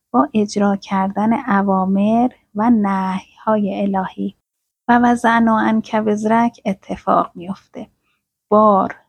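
Soft-spoken woman giving a spiritual talk. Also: on the high side, breathy edge, no room sound. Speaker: spiritual teacher. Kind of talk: spiritual talk with verses and poetry.

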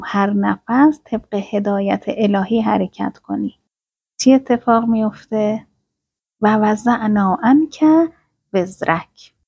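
Soft-spoken woman giving a spiritual talk. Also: mid-range voice, slightly rough, no echo. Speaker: spiritual teacher. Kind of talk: spiritual talk with verses and poetry.

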